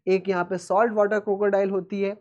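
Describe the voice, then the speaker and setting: A man teaches in the style of a classroom video lesson and addresses his students affectionately as "beta." He keeps checking in with "theek hai" and slows down deliberately whenever he shifts into English phrases. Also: high voice, little pitch movement, darkish tone, lo-fi sound. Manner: mixes Hindi with slow, careful English phrases.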